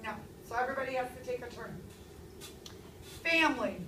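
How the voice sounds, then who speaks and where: A woman in her thirties teaches a language lesson to a class, her voice fairly high and her key words given strong stress. She is picked up by a camera across an echoey classroom. A steady hum of room noise sits behind her. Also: fairly quick, recorded from a distance. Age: 30s. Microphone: far camera.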